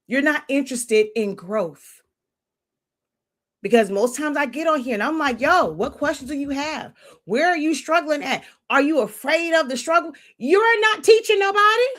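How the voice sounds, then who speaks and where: High-voiced woman lecturing bluntly. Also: expressive, normal speed, fairly bright tone. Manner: blunt, lecturing, searches aloud for words. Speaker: business mentor on a livestream. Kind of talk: unscripted live teaching monologue.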